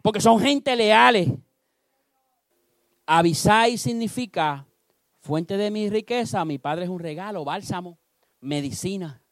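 A man preaching a sermon, telling a story with animated delivery and acting out the characters. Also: high-pitched, measured pace, pauses often, dry recording, studio quality.

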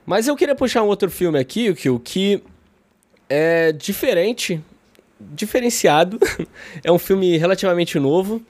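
Chatty Brazilian podcast host. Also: male voice, high voice, animated, a little slow, a little mellow, no room sound. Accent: Brazilian Portuguese. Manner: chatty, laughs often. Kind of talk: casual podcast chat.

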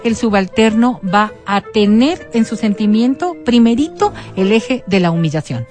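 A woman on a talk show explaining step by step in a measured way. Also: medium pitch, expressive, a little mellow, faint music behind.

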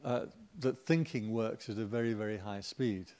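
A man's voice: fairly low pitch, normal speed, warm tone. A middle-aged man giving an informal Dharma talk as a Buddhist teacher, chatty and humorous, with playful asides to the audience.

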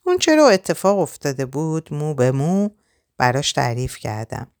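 Low gravelly woman narrating. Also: expressive, a little mellow, dry recording, clean studio sound. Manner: dramatic, emotional reading. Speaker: audiobook narrator. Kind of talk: first-person novel reading.

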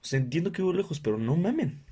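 Speaking fast with a fairly high, breathy-edged voice, this young Mexican man hosts his podcast in Mexican Spanish. It's a profane, ranting comedic monologue full of animated, over-the-top voices of others.

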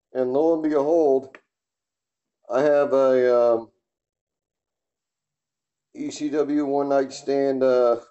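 A man's voice: medium pitch, warm tone, lo-fi sound. A man hosting a casual solo podcast from his garage, rambling loosely with lots of fillers and casual swearing. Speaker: podcast host. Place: home garage.

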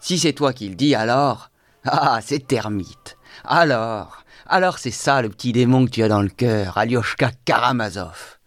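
A man's voice: lowish voice, moderate pace, no room sound, natural voice. A man reading aloud, voicing a bitter young intellectual who talks in a feverish, exalted monologue.

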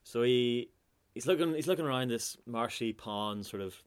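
A man, a musician, chatting casually in an interview, relaxed and hesitant with many fillers. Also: mid-range voice, moderate pace. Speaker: musician guest.

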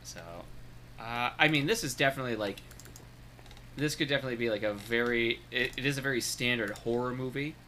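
Man, podcast co-host, mid-pitch, halting casual delivery, faint hiss behind. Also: sharp tone. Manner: hesitant, many fillers and restarts. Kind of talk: casual comic book discussion.

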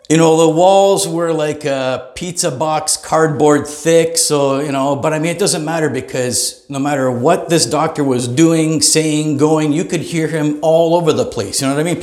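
Male podcast host, comedic rant, swears a lot, fairly high voice, roomy echo. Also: darkish tone. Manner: profane, rambling, laughing asides. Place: small private home studio.

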